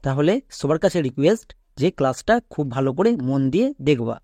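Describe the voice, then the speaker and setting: A man's voice: fairly high pitch, animated, fast, warm tone, no room sound. A man teaching English pronunciation, spelling words letter by letter and answering his own questions. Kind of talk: spelling-out phonics lesson.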